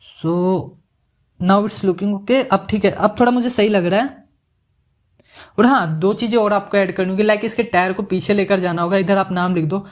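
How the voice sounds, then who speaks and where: An animation tutorial instructor records his screen for a casual software lesson, speaking fairly quickly in a high register with mostly even intonation. He's chatty and full of joking asides, mixing English words into his Hindi.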